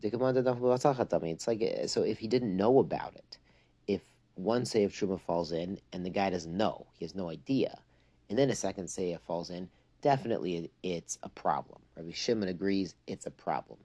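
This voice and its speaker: Deep, mellow-voiced man teaching religious texts. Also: normal speed. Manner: peppers English with Hebrew and Yiddish terms. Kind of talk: informal religious text lesson, reading then explaining.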